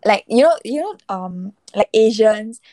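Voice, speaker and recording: A woman hosting a casual podcast, speaking haltingly as she searches for her words. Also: mid-range voice, expressive, dark tone, dry recording.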